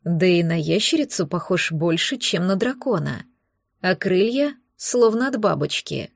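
A woman voicing a calm, dry-witted male elf, speaking low, slow and quiet in an audiobook. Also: gravelly, no room sound, exaggerated voice.

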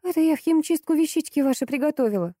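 A shrill, babbling housekeeper, tipsy and fearful, her voice jumping high, as a woman narrator puts her on. The tone stays mellow and the sound is dry and close. Audiobook character reading. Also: moderate pace, dry recording, close to an everyday voice. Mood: fawning.

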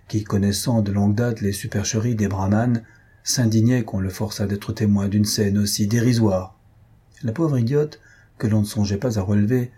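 A man reads a story aloud in a measured, even manner. His voice sits low and is dark and mellow, with a strongly husky, breathy texture. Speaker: narrator. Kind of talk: audiobook narration.

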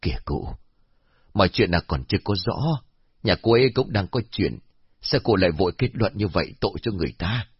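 A man voicing a calm, fair-minded elderly village man who explains and reasons with the others in a storybook reading. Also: on the low side, normal speed, slightly rough, dry recording. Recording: dull lo-fi.

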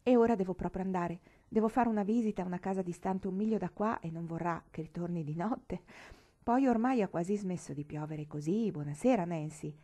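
A woman voicing a calm, kindly young male curate who speaks placidly and half in jest, in an audiobook reading. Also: lowish voice, fairly quick, natural voice.

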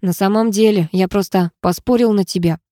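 A woman's voice: mid-range voice, a little fast, warm tone, no room sound, studio quality, natural voice. A woman voicing a blunt young aristocratic male student who speaks frankly. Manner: blunt, plain-spoken confessions.

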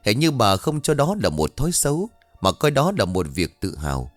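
Low-voiced expressive male storyteller. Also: normal speed, dry recording, faint music behind. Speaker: narrator. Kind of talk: scripted ghost story narration.

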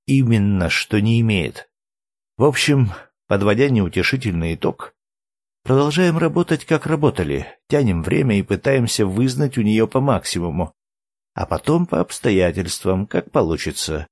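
A man's voice: fairly low pitch, animated, normal speed, darkish tone. A man reading an audiobook, voicing a weary male character who grumbles sardonically. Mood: grumbling.

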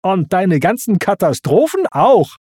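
A narrator voicing Timon, an excitable male meerkat, in a high, eager storybook voice. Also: a little slow, slightly rough, dry recording, studio quality. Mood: teasing. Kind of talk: storybook reading.

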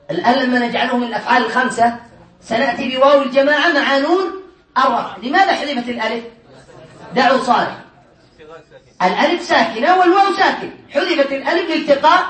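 A man teaching a grammar class, questioning his students by name in a brisk, teasing way. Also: extremely high pitch, a bit bright. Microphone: distant room mic. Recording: echoey classroom, voice from far off.

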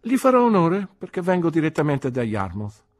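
A man reading an audiobook, voicing a jovial, careless young gentleman who talks in a teasing, breezy way. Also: a little high, very animated, normal speed, pitched above the performer's own voice.

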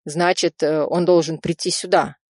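A woman voicing a calm male gang leader who stays coolly polite, with a sharp, low tone. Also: normal speed, no room sound, clean studio sound. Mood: cold.

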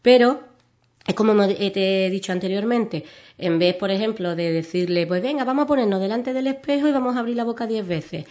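A woman, reading a children's story aloud as a radio guest, soft-spoken and lively. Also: mid-range voice, a little fast.

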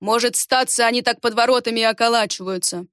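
A woman voicing a calm, grave male guard who speaks in a measured, thoughtful way. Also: fairly high pitch, dry recording, clean studio sound, lightly acted.

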